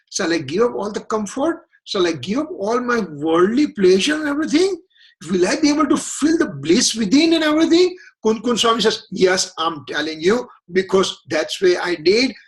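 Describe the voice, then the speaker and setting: A man teaching a religious scripture class, explaining slowly with frequent restarts and hesitations. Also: sits high, fairly bright tone, low-quality recording. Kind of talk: religious lecture.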